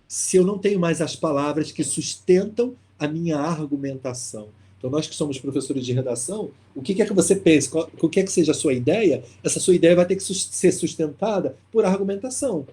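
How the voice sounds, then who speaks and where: A man leading an online literature class in a casual, lively way, reading passages and asking rhetorical questions. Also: on the high side, breathy edge. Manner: lively, talkative, exclaims and asks rhetorical questions. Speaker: literature teacher leading a course.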